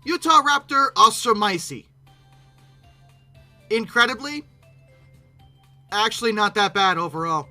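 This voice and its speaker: Hosting a laid-back YouTube reaction video over music, this speaker sounds bemused and humorous, exclaiming with stumbles and repeated words. The mid-range voice is bright and forceful with very lively intonation, though slow and frequently paused.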